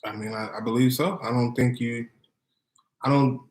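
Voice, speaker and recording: A man's voice: mid-range voice, fairly even intonation, normal speed, darkish tone. An American man in casual vlog conversation, slangy and hesitant, often repeating himself as he makes his point. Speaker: vlog co-host. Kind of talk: casual chat. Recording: roomy, echoing sound.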